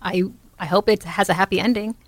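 A woman co-hosting a podcast, talking in a thoughtful, halting casual way. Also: medium pitch, steady tone, dry recording. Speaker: podcast co-host. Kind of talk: casual chat.

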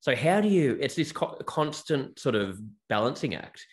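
A man's voice: medium pitch, big pitch swings, moderate pace. A man hosting an interview, who talks in a rambling, hesitant way with many restarts. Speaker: podcast host and actor. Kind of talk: casual interview.

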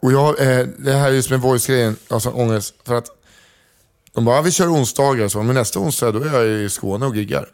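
A man chatting casually on a podcast, animated and full of hesitant fillers. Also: mid-range voice, clean tone. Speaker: voice-over artist and podcast co-host. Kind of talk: casual chat.

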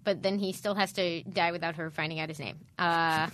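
Bright, excitable woman podcast co-host. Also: on the low side. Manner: excitable, rambling tangents, quick laughs. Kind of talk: casual chat.

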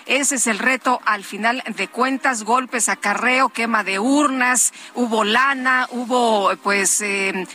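Bright-voiced woman reporter. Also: a little high, slow pace, hardly any pauses, a little hiss or hum. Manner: lively, chatty, with many fillers. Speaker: news co-host reporter. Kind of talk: morning news broadcast. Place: open-air terrace.

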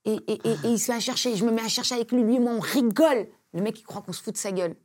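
A woman's voice: a little high, very fast. A woman from Belgium, a comedian, telling an anecdote as a podcast guest, acting out the people she quotes and often laughing. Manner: lively storyteller, acts out quotes, laughs often.

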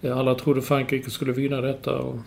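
Gravelly man chatting eagerly about sport. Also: medium pitch, monotone, a little hiss or hum. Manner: enthusiastic, explains with numbers and swearing. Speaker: podcast co-host. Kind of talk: casual sports chat.

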